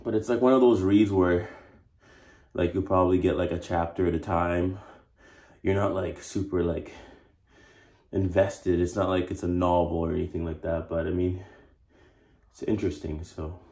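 A man's voice: low-pitched, flat delivery, moderate pace, mellow. A young man vlogging casually to his phone while doing push-ups, a bit winded and straining. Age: young adult. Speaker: fitness challenge vlogger. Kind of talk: casual self-talk vlog. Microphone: phone camera, at arm's length or propped nearby. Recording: echoey small room.

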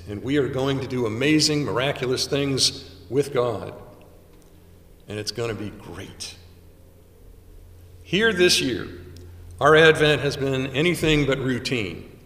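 An older man delivers a sermon in a measured, unhurried way, pausing for weight between phrases. His voice sits at an ordinary middle pitch. It is picked up from some distance, with the long, roomy ring of a chapel around it. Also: a bit bright. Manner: measured preaching with dramatic pauses. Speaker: chaplain. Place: small chapel, indoors. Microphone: stand mic at pulpit, far camera. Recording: roomy chapel echo from far off.

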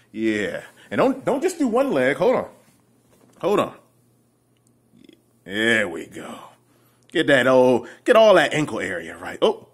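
Playful husky-voiced man vlogging. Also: on the high side. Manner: playful, animated, slangy, addresses viewers directly. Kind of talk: casual vlog talk to camera.

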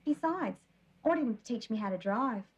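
An actress playing a sharp-tongued, sarcastic young woman with an Australian accent, talking in a dry monologue. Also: fairly high pitch, lively intonation, normal speed, very noisy, close to an everyday voice. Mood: sardonic.

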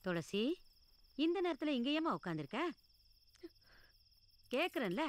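A woman's voice: a little high, big pitch swings, measured pace. An actress playing an elderly grandmother who urges and protects her granddaughter in a film. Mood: urging, protective. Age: older. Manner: urging, tender yet commanding. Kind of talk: film dialogue. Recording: film soundtrack with loud music.

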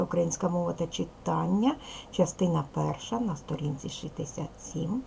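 A woman teacher giving a video lesson to young children, speaking slowly and clearly, asking them questions patiently. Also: fairly low pitch, a little mellow, a little hiss or hum, poor audio. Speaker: primary school teacher.

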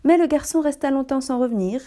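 A woman reading a children's picture book aloud in a calm, measured storytelling voice. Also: high voice. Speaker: reader.

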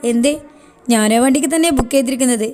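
A woman's voice: high voice, quick pace, mellow, close to an everyday voice. A woman voicing a teasing, easygoing young man in a spoken love story, chatting in a playful, bantering way.

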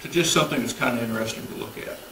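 Rapid-fire and full of vocal fry, a mid-range male voice runs through a woodworking build step by step. The speaker, a man in his thirties, stays practical and matter-of-fact, recorded from afar in a roomy home garage workshop with tool noise.

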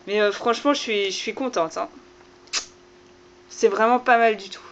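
A woman's voice: medium pitch, steady tone, moderate pace, fairly bright tone, highs cut off. A woman author chatting casually on her video channel as she unboxes her book, filling her talk with "voilà" and hesitations. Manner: chatty, many fillers like "voilà" and "euh". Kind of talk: casual vlog chat.

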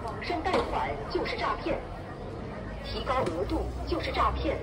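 A woman's high, lively voice recites rhyming warning slogans in a steady loop. It comes from a loudspeaker in an outdoor square. A dense crowd and loud traffic noise surround it. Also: normal speed. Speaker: public anti-fraud announcement. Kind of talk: looped loudspeaker announcement.

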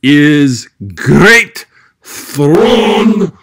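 A man voicing a pompous sock puppet king in goofy, halting broken English for a comic puppet show. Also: fairly high pitch, lively intonation, noisy background, heavily acted. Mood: grand, welcoming.

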